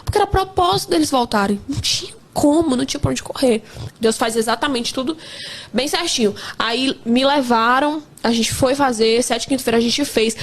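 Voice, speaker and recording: A woman in her twenties, pregnant, telling her faith testimony in an earnest, emphatic casual way. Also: high-pitched. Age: 20s. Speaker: guest sharing a testimony.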